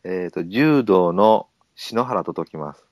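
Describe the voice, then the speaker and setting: Male host, Osaka dialect, casual comic banter, lively pitch, close dry sound with faint music. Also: takes it slowly, dry recording. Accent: Osaka Japanese. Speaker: radio show host. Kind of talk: casual comedic chat.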